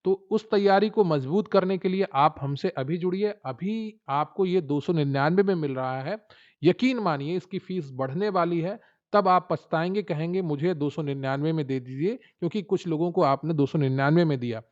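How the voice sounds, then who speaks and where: A man teaching exam preparation who pitches his study notes persuasively and speaks straight to the viewer. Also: moderate pace, highs cut off. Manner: persuasive, addresses viewers directly. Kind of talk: promotional exam-prep talk.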